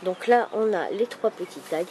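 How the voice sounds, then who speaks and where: A woman with a thick, swollen-tonsils sore-throat voice, speaking softly and casually as she presents a craft project. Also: mid-range voice, moderate pace. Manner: soft-spoken, holding back volume. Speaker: craft video maker presenting an album. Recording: clearly noisy background ambience.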